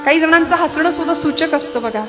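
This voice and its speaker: A woman preacher giving a devotional sermon with storytelling. She speaks in a lively way and keeps asking the audience rhetorical questions. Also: high-pitched, brisk. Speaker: kirtan preacher. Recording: accompanying music behind the voice.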